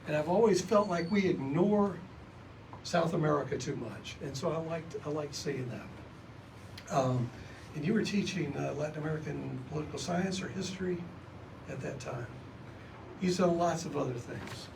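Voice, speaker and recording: A man hosting an event, introducing a guest speaker in a loose, halting way with many fillers. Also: fairly high pitch, creaky. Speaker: event host. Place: library meeting room. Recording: distant mic with noisy room.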